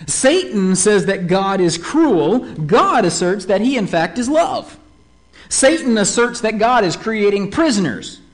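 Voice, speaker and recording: A man preaching a sermon, animated and fond of asking his listeners rhetorical questions. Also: sits high.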